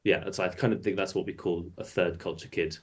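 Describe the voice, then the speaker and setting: Uk guy with a very low voice, co-host, calm and thoughtful. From United Kingdom. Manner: thoughtful, measured. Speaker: podcast co-host. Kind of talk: casual chat.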